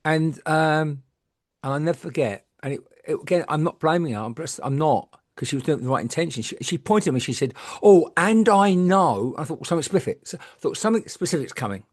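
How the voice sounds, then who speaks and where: A middle-aged woman, a medium, telling candid stories in lively chat, swearing freely and acting out the people she quotes. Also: low-pitched, fast talker. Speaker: guest medium.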